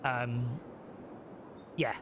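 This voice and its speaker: A man's voice: medium pitch, fairly even intonation, very slow, background noise. A man chatting casually through a live gameplay stream, self-deprecating and talking to his viewers.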